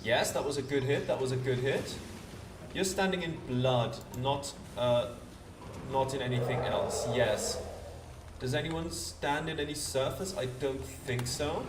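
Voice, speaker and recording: A man's voice: medium pitch, a little slow, very noisy. A man hosting a let's play with casual commentary, thinking aloud and talking to the game's characters. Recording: roomy distant voice under loud game music.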